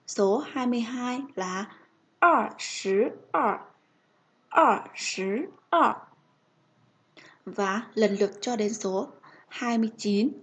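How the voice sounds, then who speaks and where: A woman with a Vietnamese accent teaching a language lesson, saying each number twice, slowly and clearly. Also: fairly high pitch. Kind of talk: slow, repetitive counting lesson.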